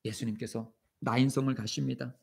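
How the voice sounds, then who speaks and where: A man's voice: mid-range voice, level tone, a little fast, gravelly, darkish tone, husky. A middle-aged male pastor preaching a sermon in a church, acting out quoted voices and raising his voice for commands. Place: church sanctuary.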